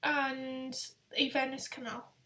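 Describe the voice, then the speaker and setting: A high-voiced woman runs a casual quiz for her viewers. She sounds tired and chatty, reading questions slowly and looping back over them. Her voice rings in a noticeably echoey room. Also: flat delivery, pushed and bright. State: tired, yawning. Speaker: quiz host on a live stream. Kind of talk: casual live-stream chat.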